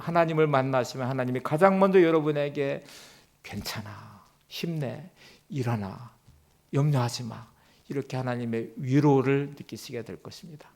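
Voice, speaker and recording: A middle-aged male pastor preaching a Sunday sermon in an earnest, gentle, pleading way, dropping to a soft hush for words of comfort. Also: fairly high pitch.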